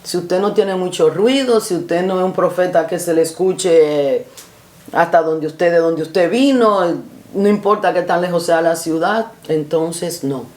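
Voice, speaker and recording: A woman's voice: fairly low pitch, measured pace, a little mellow, roomy sound. A woman giving an earnest spoken reflection like a sermon, using repetitive rhetorical phrasing and addressing the listener formally. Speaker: preacher.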